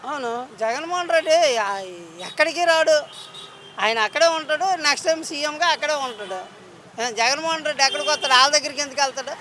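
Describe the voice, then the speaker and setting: A man's voice: very high-pitched, quick pace, background noise. A man on a city street answering a reporter indignantly, firing rhetorical questions. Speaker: member of the public.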